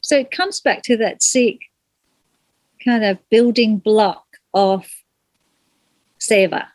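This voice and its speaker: A woman in middle age, raised in Malaysia, talks in a gentle, reflective way, often pausing to search for the right word. Her voice sits a touch high. The sound is close and dry, with no room around it. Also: no room sound, rough recording. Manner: gentle, thoughtful, searches for words. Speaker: guest, kirtan singer. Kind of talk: reflective interview conversation.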